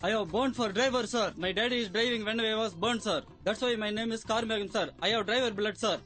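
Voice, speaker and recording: An actor playing a naive male driver applicant who speaks earnestly in slow broken English, in dubbed film comedy. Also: sits high, steady tone, fairly bright tone, faint music behind, exaggerated voice.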